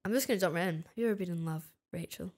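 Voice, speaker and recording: A woman's voice: fairly low pitch, rapid-fire, darkish tone. A young woman hosting a casual chat in a cheeky, blunt, sweary way. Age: young adult. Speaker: host.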